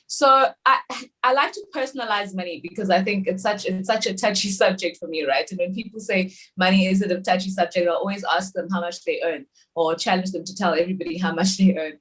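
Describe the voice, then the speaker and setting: A woman's voice: on the low side, brisk, fairly bright tone, poor audio. A woman in her thirties from South Africa, a bank panelist explaining savings at length on a webinar panel, with many fillers and restarts. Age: 30s.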